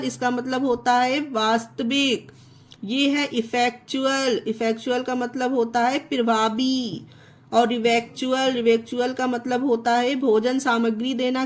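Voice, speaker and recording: A woman with a high voice teaches English pronunciation in a classroom style. She talks slowly and spells each word out letter by letter. She keeps checking that her viewers follow. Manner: slow, repeats words and spells them out letter by letter.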